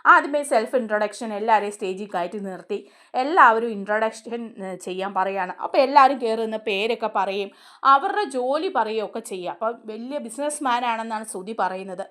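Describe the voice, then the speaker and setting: A woman's voice: a little high, expressive, normal speed, bright, forceful tone. A woman hosting a serial review, casually retelling the scenes in a chatty way and often turning to the listener. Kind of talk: casual storytelling recap of a TV serial.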